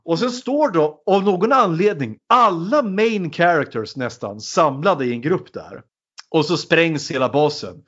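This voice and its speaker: Animated man retelling a film. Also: fairly high pitch, slightly rough, muffled recording. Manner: animated retelling, frequent fillers and laughter. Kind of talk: casual chat.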